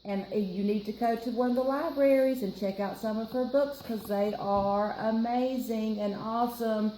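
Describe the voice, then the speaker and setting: Her voice is fairly high, steady, and warm as this American storytime reader at the library reads a picture book to children at a moderate pace. Chatty, explanatory asides go out to the listeners and to her co-reader. The sound has a roomy echo and slight background noise.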